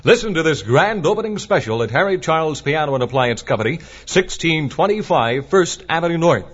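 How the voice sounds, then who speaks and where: A man's voice: a little high, animated, brisk. An American man working as a radio DJ in an upbeat, salesmanlike 1950s ad style, on a dull vintage AM broadcast. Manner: upbeat, salesmanlike announcer delivery. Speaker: radio DJ reading ads and announcements. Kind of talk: chipper 1950s radio ad and DJ patter.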